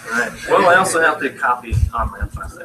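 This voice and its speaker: Young man pitching a game from afar. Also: animated. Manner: casual, halting, many fillers. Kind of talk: live game pitch presentation. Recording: distant mic in noisy room.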